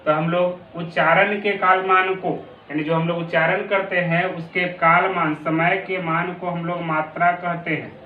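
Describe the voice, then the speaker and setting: This man speaks high and with little pitch movement, at normal speed and with few pauses, over a little hiss or hum. A teacher with a Bihari Hindi accent, he explains a classroom lesson, repeating definitions and stretching out sounds, captured by a distant, tinny phone-like mic in an echoey room.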